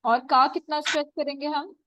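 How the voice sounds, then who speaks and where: A woman teaching an online Quran recitation class over a video call, calling on students and modelling recitation slowly. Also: sits high, fairly even intonation, noisy background. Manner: patient, calls on students, models slow recitation. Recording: dull video call audio.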